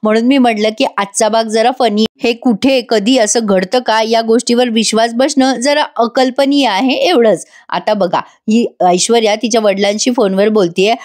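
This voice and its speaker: Brief: chatty woman doing a serial recap voice-over, fairly high voice. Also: fairly even intonation, normal speed, hardly any pauses, a little mellow. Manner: chatty, addresses viewers directly. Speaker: TV serial reviewer.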